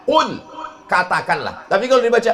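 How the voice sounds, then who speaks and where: A man's voice: fairly high pitch, very animated, fairly bright tone, slight background noise. A middle-aged male preacher, giving a humorous sermon to a crowd and drawing out his Arabic recitation. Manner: playful, jokes and chuckles, drawn-out Arabic recitation. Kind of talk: humorous sermon to a live audience.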